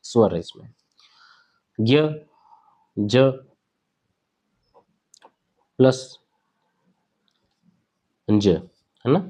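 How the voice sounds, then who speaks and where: A man teaching a grammar lesson at a board. He asks questions and answers them himself, and he repeats key words slowly. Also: mid-range voice, steady tone, warm tone.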